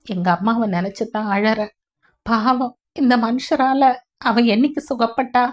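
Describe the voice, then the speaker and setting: A woman's voice: a little high, steady tone, measured pace, pitched above the performer's own voice, natural voice. A woman voicing a grieving middle-aged man. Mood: pleading. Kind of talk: audiobook character reading.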